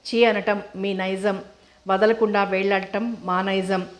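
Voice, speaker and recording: A woman's voice: medium pitch, flat delivery, a little slow, lightly acted. A woman voicing a witty young man who talks in a playful, teasing way. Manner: playful, bantering.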